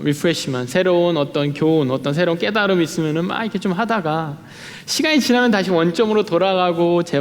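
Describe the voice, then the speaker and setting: A man in his late thirties, a youth pastor, giving a chatty, self-deprecating sermon full of fillers and restarts. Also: on the high side. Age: late 30s. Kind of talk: conversational sermon. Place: church sanctuary. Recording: long hall reverb.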